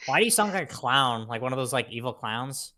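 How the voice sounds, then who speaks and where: A man with a medium-pitched voice talks with friends over a tabletop game. He is casual and joking, swearing freely as he banters. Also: expressive, fairly quick, bright, forceful tone. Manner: profane, bantering. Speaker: tabletop role-play player. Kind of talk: casual joking group chat during a game.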